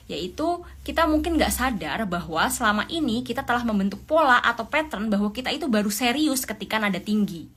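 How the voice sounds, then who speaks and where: Calm, bright-voiced woman giving parenting advice. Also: mid-range voice, husky. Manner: calm, acts out raised-voice examples. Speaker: parenting educator. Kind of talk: explanatory parenting advice talk.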